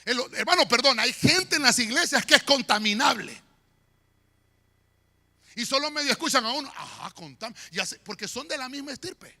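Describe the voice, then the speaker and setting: A pastor preaching a sermon in a church, swinging between shouts and quiet murmurs. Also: male voice, very high-pitched, moderate pace, pauses often. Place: church sanctuary. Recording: long church hall reverb.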